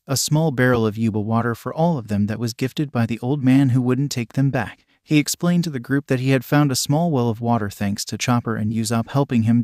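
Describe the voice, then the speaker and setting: A man narrating a fan fiction story in a steady, even reading, with a middle pitch. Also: dry recording, clean studio sound. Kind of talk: scripted narration.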